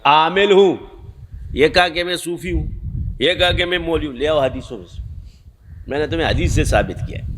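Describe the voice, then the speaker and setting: Man, sermon, high-ish voice, scolding, emphatic, rhetorical questions, faint background noise. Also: bright, forceful tone. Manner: rhetorical questions answered himself. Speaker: preacher.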